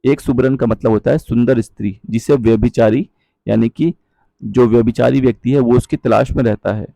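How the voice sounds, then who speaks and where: A man teaching a Hindi grammar lesson, explaining patiently, checking in with his viewers often and reciting verse lines slowly. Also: mid-range voice, steady tone, vocal fry, mellow, no room sound. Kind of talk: online exam-prep lesson.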